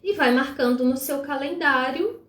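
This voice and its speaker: Woman, devotional teacher, animated, fairly high voice, reverberant room. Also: moderate pace. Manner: animated and expressive, acting out examples. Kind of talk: live-streamed devotional teaching. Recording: roomy echo.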